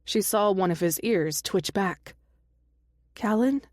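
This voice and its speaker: A woman's voice: medium pitch, unhurried, dry recording, clean studio sound. A woman narrating a romance audiobook, reading every character herself with small shifts in her voice.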